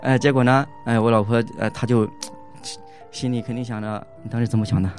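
A man at a middle pitch tells his own marriage story in a loose, halting way, full of fillers and restarts. He laughs often along the way. Faint music plays softly behind him. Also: steady tone. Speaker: husband giving a couple's testimony. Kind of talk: casual spoken testimony.

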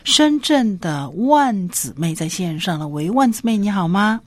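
A woman's voice: medium pitch, lively intonation, a little slow, dry recording. Polite woman radio host, dry studio sound. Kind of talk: call-in radio hosting.

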